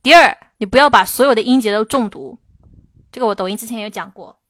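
A woman English teacher answering viewers' questions in a livestream, explaining slowly and stressing her English examples. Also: fairly high pitch, fairly bright tone, dry recording. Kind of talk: livestream Q&A lesson.

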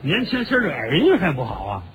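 Brief: man, lead comic in a crosstalk act, high and bright, swooping through his storytelling. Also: a little fast, lo-fi sound, slight background noise. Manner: animated, acts out scenes with exclamations.

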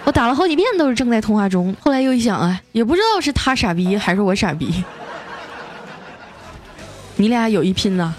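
Brisk and very animated, a woman with a voice on the high side hosts a comedy podcast, pausing often amid some background chatter and slight noise. She reads listener jokes with playful teasing and self-mockery, laughs often, and shifts voices to act out the characters.

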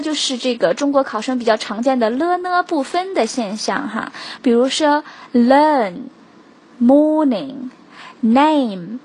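A woman teaches pronunciation in a recorded lesson. Her voice sits a little high and sounds breathy and soft-edged. She moves briskly through explanations and drags out each example word slowly to show how it is said. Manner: brisk, drawn-out slow demonstrations of words.

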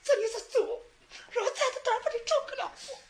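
A woman's voice: high-pitched, very animated, normal speed. A woman with a northern Shaanxi accent playing a bold young heroine in a Shaanbei storytelling dialogue, speaking emotionally with sobs, laughs and sung cries. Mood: urgent.

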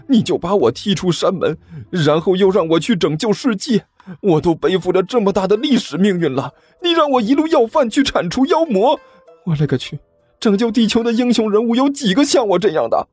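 A high, swooping young disciple, as a male storyteller plays him, brash and whiny, forever complaining and hurrying. His voice leaps up and down over faint background music in a storybook reading. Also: big pitch swings, a little mellow, slightly rough, no room sound, full character voice. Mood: indignant. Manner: indignant, fast and complaining. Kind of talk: storytelling narration with character voices.

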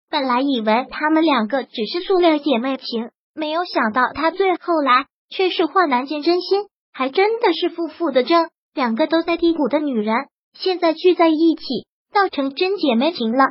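A woman narrating a serial novel chapter as an audiobook, in a steady storytelling manner. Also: sits high, dry recording, highs cut off.

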